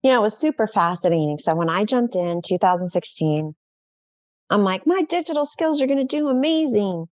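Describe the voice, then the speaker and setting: A woman's voice: mid-range voice, animated, brisk, a little mellow, no room sound. A middle-aged woman talking as a guest in a casual podcast interview, enthusiastic and effusive, rambling with fillers.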